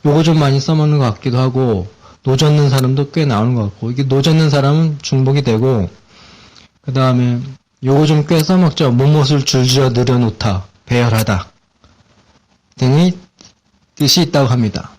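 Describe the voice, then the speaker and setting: Speaking at normal speed in a mid-range voice, a Korean-accented man explains English words in a laid-back lesson. He leans on lots of fillers and repeats words often.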